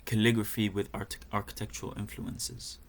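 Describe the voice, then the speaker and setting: A young man with a fairly low voice presents his art projects in the style of a student reading a presentation. His delivery is flat, measured and careful, with occasional filler pauses and restarted phrases.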